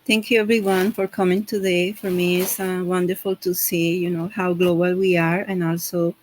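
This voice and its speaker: A woman hosting an online panel, speaking hesitantly with many pauses and fillers. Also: fairly low pitch, little pitch movement, slight background noise, rough recording. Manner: hesitant, many "um" and "uh", non-native phrasing.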